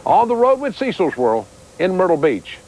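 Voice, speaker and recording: A man's voice: high-pitched, sing-song, moderate pace, a little mellow, a little hiss or hum, poor audio. A man reading scripted narration as a television feature reporter.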